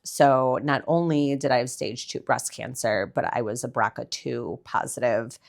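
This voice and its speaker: A woman's voice: very deep voice, steady tone, normal speed, gravelly. A young adult woman talking candidly as a podcast guest, chatty and full of "like", blunt and casually swearing. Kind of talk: candid conversational interview.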